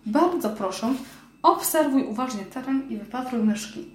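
A kind, clever young girl, put on by a woman reading aloud speaks a little higher than the narration, bright and friendly. The voice rings in an echoey room. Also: lively intonation, moderate pace, natural voice.

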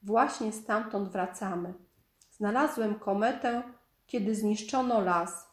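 A woman's voice: mid-range voice, takes it slowly, lightly acted. A woman reading the lines of a friendly mountain boy in a storybook, in a plain, matter-of-fact way. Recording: echoey room.

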